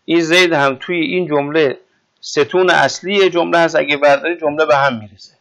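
A man with a gravelly, creaky voice gives a casual grammar lesson. He talks through ideas with homely comparisons and keeps stopping to ask whether his students follow. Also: fairly high pitch, steady tone, a bit bright. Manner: explains with everyday examples, often checks "right?". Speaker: teacher of Arabic grammar. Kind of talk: informal classroom lecture.

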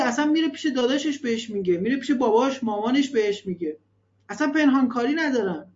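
A man giving religious advice to parents in an earnest, emphatic way, with many rhetorical questions. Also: very high voice. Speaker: religious family counselor. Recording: dull lo-fi recording.

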